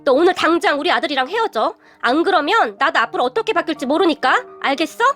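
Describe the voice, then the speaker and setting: Brief: scornful shouting middle-aged mother, cruel and snobbish, high-pitched, put on by a female narrator. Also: expressive, fast, soft background music. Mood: angry.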